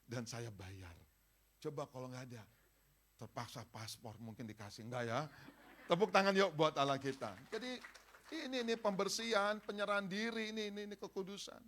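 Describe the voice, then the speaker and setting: A male pastor preaching at a church service. He talks directly to the congregation and swings between loud calls and soft, pleading passages. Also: on the high side, normal speed. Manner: conversational, speaks directly to the congregation. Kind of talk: sermon.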